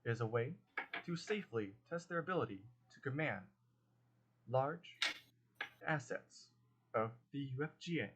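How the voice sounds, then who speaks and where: A man voicing a calm, formal robotic simulation voice that makes measured announcements. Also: medium pitch, husky, poor audio.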